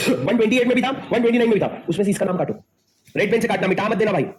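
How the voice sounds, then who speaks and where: A man's voice: high-pitched, expressive, racing. A male teacher giving an exam-prep lecture, mixing Hindi and English, who keeps quizzing his students and then answering himself.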